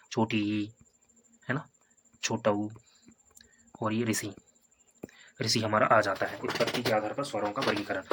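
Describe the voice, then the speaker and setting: A man teaching a Hindi grammar lesson for exam preparation. He repeats each point, sounds out vowels slowly as examples, and keeps checking in with "है ना" and "ठीक है". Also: mid-range voice, a bit bright. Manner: repetitive, explains step by step with tags like "है ना" and "ठीक है".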